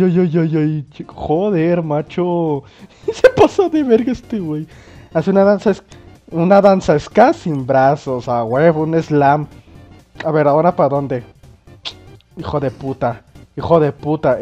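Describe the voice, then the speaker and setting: Dude yelling and cursing at a game, kinda high voice, music playing underneath. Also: male voice, a little slow, muffled recording. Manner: loud, excitable, swears a lot, yelps. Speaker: gamer playing on video. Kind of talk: game let's play commentary.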